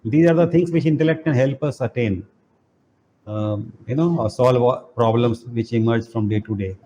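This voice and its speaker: A man with a mellow, dark voice teaches a spiritual class. He rambles gently and fills his pauses with "you know". A faint hiss sits under the video call. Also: medium pitch, lo-fi sound. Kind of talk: casual online class talk.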